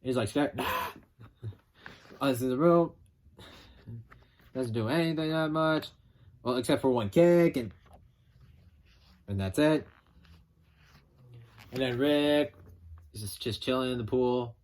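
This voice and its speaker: A man casually retelling a film's plot as a reviewer, rambling and animated, acting out quotes with some swearing. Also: mid-range voice, slow pace, pauses often. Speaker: film reviewer.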